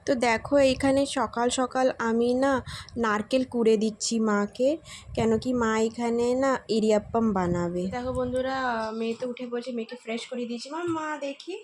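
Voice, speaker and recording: A woman's voice: on the high side, brisk, darkish tone. A young woman in a casual family vlog, chatting to her viewers as friends at home. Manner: coaxing, patient with her toddler. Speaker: vlogger.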